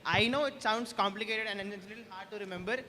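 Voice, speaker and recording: On stage in a large hall, a young adult man, a senior student, jokes with freshers in casual, teasing banter, restarting quickly and often. His voice is high-pitched, with a long reverb tail and a noisy background.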